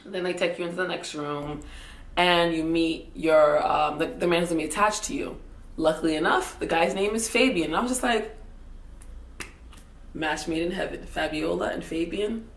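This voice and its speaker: A woman's voice: fairly low pitch, brisk. A woman in her thirties casually and animatedly telling a personal story to camera, joking and swearing as she goes. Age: 30s. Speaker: vlogger.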